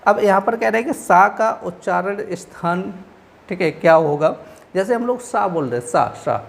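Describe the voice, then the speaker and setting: A man's voice: high-pitched, moderate pace, vocal fry. A man teaching, patiently explaining exam answers step by step and checking in constantly with his students. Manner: patient, repetitive, checks in with frequent "okay".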